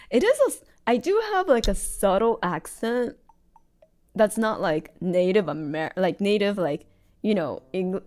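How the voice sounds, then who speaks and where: Giggly woman with a lively voice. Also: mid-range voice. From United States. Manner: giggly, chatty, trails off and restarts. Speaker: streamer. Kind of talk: casual livestream chat while drawing.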